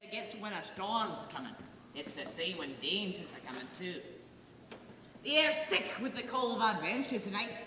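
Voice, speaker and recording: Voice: medium pitch, sing-song, moderate pace, background noise, close to an everyday voice. A stage performer playing a boastful, blustering old pirate sea dog with salty dialect. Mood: ominous. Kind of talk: stage theatre acting. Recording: echoey theatre hall, distant mic, music.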